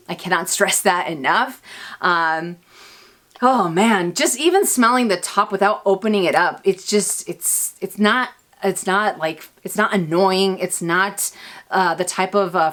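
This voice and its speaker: A woman's voice: fairly low pitch, a bit bright. A woman host answering viewer questions in a casual vlog, chatty and self-mocking, with playful asides to her audience. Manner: chatty, self-deprecating, restarts and fillers, laughs often.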